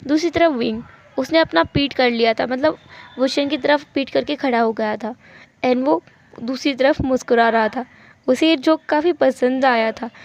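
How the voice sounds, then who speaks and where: A high-pitched woman narrates a fan fiction tale in a chatty, conversational way, dropping English words into her storytelling and speaking straight to her viewers. The recording is dull and lo-fi.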